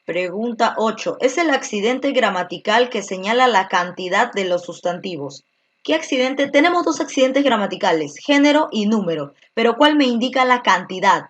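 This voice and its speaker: A woman's voice: fairly high pitch, animated, normal speed, dull audio. A woman teaching an online grammar class, explaining step by step and checking in with frequent tag questions. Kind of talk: virtual grammar lesson.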